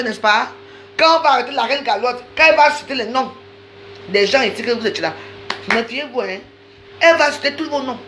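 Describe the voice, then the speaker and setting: In a low-quality recording with slight background noise, a woman with a fairly high, fairly bright voice launches into a heated live-stream rant. She accuses and insists, speaking directly to her viewers and repeating phrases for emphasis.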